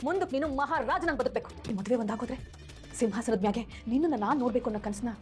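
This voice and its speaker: An actress in a TV serial playing a scheming, power-hungry mother, forceful and gloating in her talk. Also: a little high, racing, lightly acted. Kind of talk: TV serial acting. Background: background music score.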